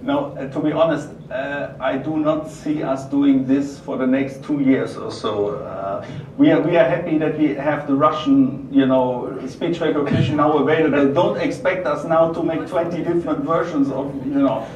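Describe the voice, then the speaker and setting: Recorded from a distance in a large, echoey, noisy room, a man with a heavy German accent presents a product at an event and fields questions from the audience. His mid-pitched voice sounds a little mellow and the audio is dull, as he answers hesitantly and circles back over his own phrases.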